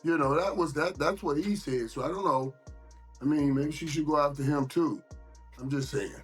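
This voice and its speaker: A man with a husky voice chatting casually as a panelist on a talk show. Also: on the high side, normal speed, soft background music. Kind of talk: casual chat.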